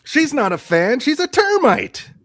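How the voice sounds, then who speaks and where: A man playing an excitable, boastful washed-up space-show actor in a radio theatre piece, pleading insistently and repeating himself. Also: very high voice, a little slow, dry recording, studio quality, heavily acted.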